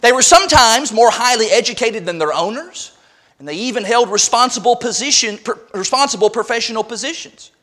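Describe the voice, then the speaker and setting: A man's voice: extremely high pitch, animated, fairly quick, pushed and bright. A man preaching a sermon in a church, explaining a word to the congregation and asking them questions. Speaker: pastor.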